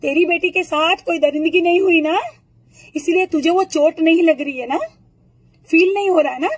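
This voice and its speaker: A woman with a hoarse throat delivering a furious political rant to camera, hurling insults and rhetorical questions. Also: extremely high pitch, moderate pace, poor audio.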